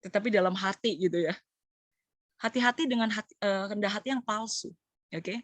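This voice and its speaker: A middle-aged woman leading a church cell group, preaching in a lively way, acting out quoted voices and mixing slang with English. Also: mid-range voice, normal speed, no echo. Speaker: cell group leader sharing a sermon.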